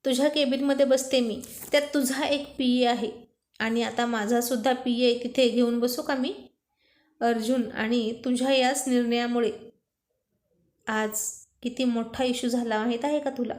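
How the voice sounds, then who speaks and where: A woman voicing a quick-tempered young wife who scolds her husband. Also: a little high, fairly even intonation, darkish tone, close to an everyday voice. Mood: accusing. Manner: indignant, scolding.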